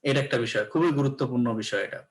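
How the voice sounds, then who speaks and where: A man's voice: mid-range voice, racing. A man giving an explanatory classroom lecture as an English teacher, often checking in with his students. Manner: explanatory, repeats "okay" to check in.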